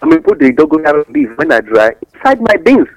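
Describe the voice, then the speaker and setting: High-pitched Nigerian man explaining in Pidgin. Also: wildly swooping pitch, fairly quick, creaky, husky, no room sound, dull audio. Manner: didactic, uses examples and rhetorical questions. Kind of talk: explanatory talk in West African Pidgin English.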